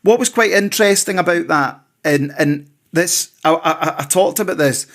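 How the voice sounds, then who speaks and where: A man's voice: fairly high pitch, moderate pace, a bit bright. A man hosting an online news show, interviewing a caller casually and teasingly, often repeating his phrases. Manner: repeats phrases, teasing, addresses guest as sir.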